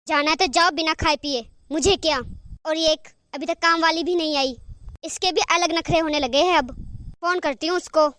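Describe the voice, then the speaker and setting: A woman's voice: high-pitched, steady tone, normal speed, fairly bright tone, slight background noise. A woman voicing a demanding young wife in a cartoon, who nags and talks back. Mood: petulant. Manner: nagging, petulant. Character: demanding young wife, sharp-tongued then remorseful. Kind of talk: cartoon voice acting.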